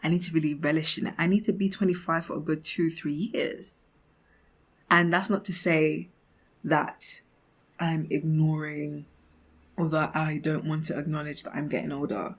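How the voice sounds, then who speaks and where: Her voice is low and husky with little pitch movement, moving at a moderate pace. The twenty-something woman hosts a casual podcast monologue, chatting expressively, acting out imagined remarks, and often breaking into giggles mid-thought.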